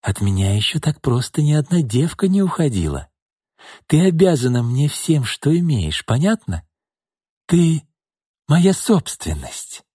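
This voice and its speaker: A smug, mocking thug from an audiobook, voiced by a male reader, sneering and then dropping to low, husky threats. The voice is close and dry. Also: sing-song, a little slow, mellow, no echo, full character voice. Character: menacing smug middle-aged pimp and thug.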